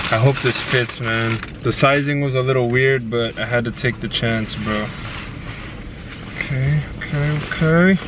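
A young man in a casual thrift vlog, talking in relaxed slang about clothes he found. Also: medium pitch, background noise. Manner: laid-back slangy chatter. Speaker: thrift vlogger.

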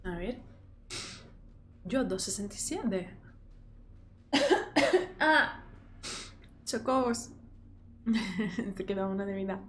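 Excitable young Spanish woman streaming a game. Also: mid-range voice, extremely slow, pauses often, a little hiss or hum. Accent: Spain Spanish. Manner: excitable, shrieks and swears at the game, then reads menus aloud. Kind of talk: casual gameplay commentary.

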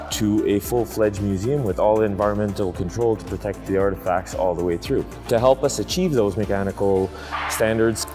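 A man in his thirties giving a walking tour of a construction site, halting with many fillers. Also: lowish voice, dark tone. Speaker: museum facilities director giving a site tour. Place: large indoor construction site.

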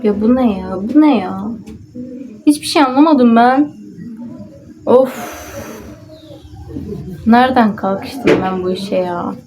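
Pausing often and speaking slowly in a fairly high voice, this vlogger mutters to herself as she crafts with paper at home. Her casual self-talk is punctuated by exasperated sighs, and the background is noisy.

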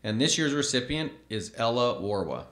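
Announcing awards from a podium at a school event, a man keeps a measured, formal manner and reads each name slowly. His medium pitch carries lively intonation and a fairly bright tone. The podium mic gives a roomy sound.

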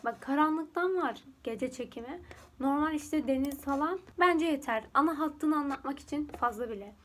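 A woman's voice: high voice, normal speed, fairly bright tone, a little hiss or hum. A young woman chatting casually at home as she walks through a photo edit, rambling and laughing often. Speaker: YouTuber teaching photo editing. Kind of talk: casual screen-recorded tutorial chat.

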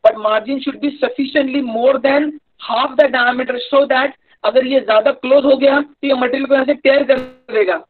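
A man's voice: very high-pitched, steady tone, racing. A man with a North Indian accent giving a live online engineering lecture in a hesitant, repetitive, explanatory manner. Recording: dull lo-fi online-class audio.

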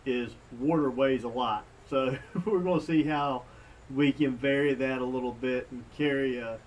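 A man's voice: medium pitch, normal speed, a little hiss or hum. Middle-aged man chatting from a porch. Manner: relaxed, folksy, plain-spoken. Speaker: bushcraft channel host. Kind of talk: casual sit-down vlog chat. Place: outdoor front porch. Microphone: camera mic from a few feet away. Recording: distant mic, faint outdoor ambience.

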